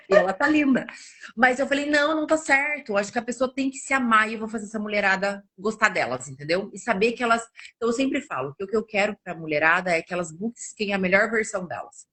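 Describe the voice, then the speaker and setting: A woman's voice: medium pitch, fast, slightly rough. A woman in her forties, a nutritionist, telling personal stories in a casual podcast chat and acting out the quoted dialogue. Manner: animated, acts out quoted dialogue.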